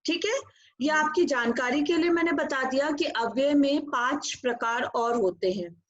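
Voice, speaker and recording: A woman's voice: high voice, measured pace. A woman teaching a grammar class online, patient and explaining with repeated examples, now and then slipping in English words. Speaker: Hindi teacher. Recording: dull lo-fi audio.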